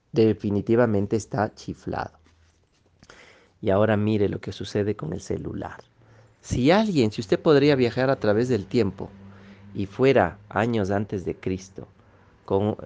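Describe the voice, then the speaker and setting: A motivational speaker with a lowish, warm voice gives an emphatic lecture. He repeats key phrases and checks in with his listeners as he goes.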